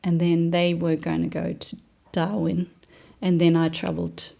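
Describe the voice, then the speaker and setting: Soft-spoken Danish woman in her thirties, flat gravelly delivery, relaxed interviewee. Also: fairly low pitch, moderate pace. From Denmark. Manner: soft-spoken, relaxed, with frequent fillers and laughs. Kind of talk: casual storytelling interview.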